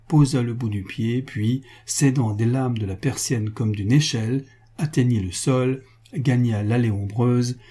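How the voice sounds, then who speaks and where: A man giving a measured, scripted reading of a novel as an audiobook narrator. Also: medium pitch, dark tone, husky.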